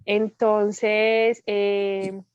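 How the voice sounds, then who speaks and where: A woman with a Colombian accent giving a lively testimony as a guest speaker, acting out the dialogue as she tells it. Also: medium pitch, extremely slow, smooth, no echo, lo-fi sound. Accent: Colombian Spanish. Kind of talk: testimony in a prayer meeting.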